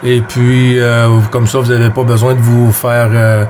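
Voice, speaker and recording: A man with a Quebec French accent, from Quebec, Canada, speaks at a measured pace in a monotone, medium-pitched voice. He's a CB radio operator and video host chatting casually and hesitantly from his home radio room, and the recording is clearly noisy.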